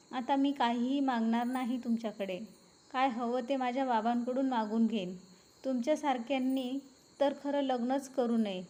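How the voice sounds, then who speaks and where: A woman's voice: on the high side, dark tone, lightly acted. A woman doing a bitter, resentful young wife. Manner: scornful, reproachful.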